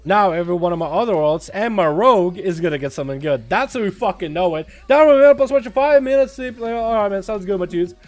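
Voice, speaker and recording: A man's voice: high voice, animated, fast, few pauses, soft background music. A young man talking like a hyped frat bro, full of slang and swearing, in casual livestream gaming commentary. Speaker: video game livestreamer.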